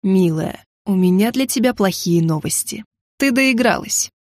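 A woman voicing a possessive male dragon lord who speaks low and huskily, smug and threatening. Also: lively intonation, normal speed, a little mellow, dry recording, studio quality. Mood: menacing. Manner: low, husky, smugly threatening.

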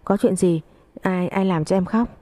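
A woman's voice: on the low side, moderate pace, dark tone, no room sound, close to an everyday voice. A woman voicing a worried young husband. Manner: anxious, questioning.

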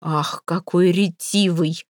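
A woman's voice: steady tone, slow, dry recording, clean studio sound. Woman reading as a fussy widow. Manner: placating, then shrill. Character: fussy middle-aged widow dividing an inheritance.

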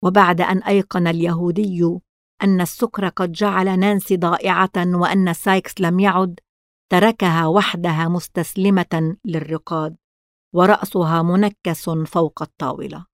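A woman narrating a novel in a steady, measured reading on a close mic. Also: on the low side, dry recording. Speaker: audiobook narrator.

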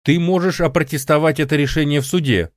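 A man reading an audiobook voices an insistent woman colleague, raising his voice high and speaking urgently. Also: sing-song, moderate pace, a little mellow, no echo, studio quality. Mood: pleading. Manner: urgent, pleading. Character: earnest young woman colleague, pleading and insistent.

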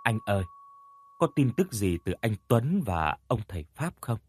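A man voicing a gentle, frightened young woman who speaks softly and quietly. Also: lowish voice, very animated, normal speed, slightly rough, no room sound, studio quality. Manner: soft and quiet.

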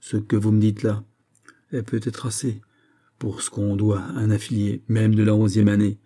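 A man playing a dying old Jesuit general who speaks sternly and imperiously, with a husky voice. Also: on the low side, flat delivery, moderate pace, warm tone. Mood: commanding.

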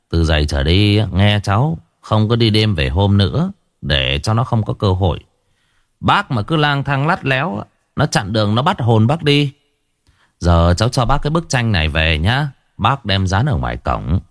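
Man doing a stern young exorcist, calm, commanding, low voice, dry close sound. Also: normal speed, dry recording. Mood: calm advising.

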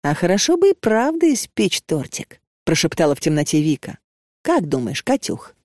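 A woman's voice: lowish voice, sing-song, fairly quick, darkish tone, dry recording, clean studio sound. A reader voicing a young female student whispering curiously to her roommate. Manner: whispering, then alarmed.

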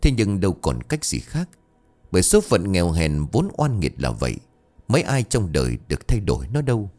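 A man's voice: sits low, big pitch swings, moderate pace, a little mellow. A man narrating a ghost story in a dramatic, emotional storytelling manner. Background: faint background music.

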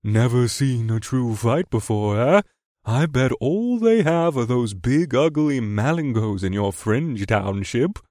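A man's voice: medium pitch, animated, unhurried, darkish tone, no echo, studio quality, close to an everyday voice. A man doing a lofty little crab. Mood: chortling. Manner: lofty, crooning, easily scandalized.

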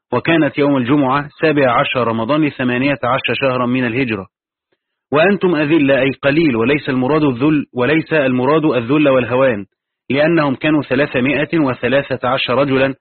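A man's voice: medium pitch, husky, dry recording. A man teaching Quran commentary, reading from a tafsir text and adding his own explanations. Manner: reads the text aloud, then adds his own explanations. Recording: tinny phone-like lo-fi recording.

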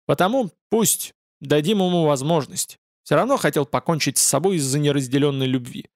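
A man's voice: a little high, a little fast, dry recording, natural voice. A man reading an audiobook, voicing a male fallen angel with a dry, mocking and commanding manner.

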